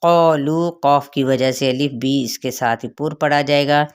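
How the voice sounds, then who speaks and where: Woman Quran teacher, Pakistani Urdu accent, clear smooth voice, careful word-by-word tajweed lesson. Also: very deep voice, fairly even intonation. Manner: slow, drawn-out sounding of each word, then quick explanations.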